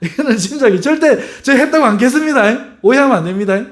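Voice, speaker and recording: Male pastor, high voice, chatty preaching full of rhetorical questions. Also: lively intonation, quick pace. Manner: conversational, fires rhetorical questions at the congregation; chuckles at his own remarks. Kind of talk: Sunday afternoon sermon.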